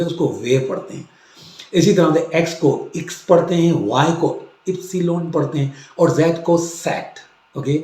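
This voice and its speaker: Slow, mellow-voiced male language teacher. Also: fairly high pitch, echoey room. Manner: slow, explanatory, repeats words for drilling. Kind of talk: classroom-style language lesson.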